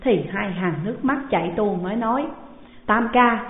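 A woman slowly reading out a classical tale, on a tinny, echoing recording. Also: mid-range voice, lively intonation. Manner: slow, measured reading. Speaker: storyteller. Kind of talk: scripted narration of a classical tale. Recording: tinny phone-like sound, long hall echo.

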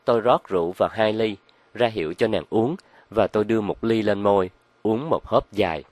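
Low-voiced man narrating a story. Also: fairly quick, a little mellow, no room sound. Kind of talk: audiobook narration of a crime novel.

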